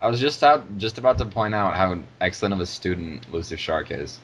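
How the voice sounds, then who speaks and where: A man's voice: low-pitched, a little fast, fairly bright tone, slight background noise. A man co-hosting a casual gaming podcast who teases the others with dry quips.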